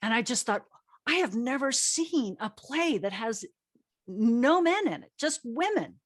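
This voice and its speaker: A playwright and event host, a woman of middle age or older, leads a casual group chat with animated, self-deprecating storytelling and acted-out dialogue. Her pitch is fairly high and her delivery unhurried.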